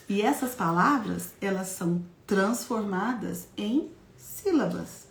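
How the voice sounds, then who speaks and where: A woman giving a live teaching talk to an audience, explaining step by step and often asking them questions. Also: medium pitch. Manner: demonstrates syllables in a lively, childlike classroom voice. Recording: echoey room sound.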